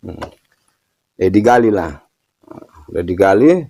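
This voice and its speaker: A man's voice: sits low, animated, unhurried, warm tone. An older man giving a casual spiritual talk, telling stories and often ending phrases with a tag question. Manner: storytelling, ends phrases with "kan gitu". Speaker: religious teacher answering a question.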